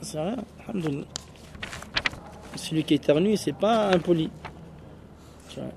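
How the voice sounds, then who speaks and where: A man's voice: a little high, normal speed, creaky, noisy background. A man teaching an Arabic class, explaining in French with Arabic phrases mixed in and often checking with "tu vois?".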